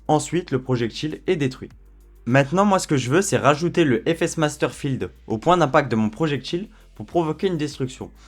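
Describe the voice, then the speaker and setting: A man walking viewers through a software tutorial in a relaxed, chatty way, with frequent fillers. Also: fairly high pitch. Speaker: tutorial host. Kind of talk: screen-recorded software tutorial.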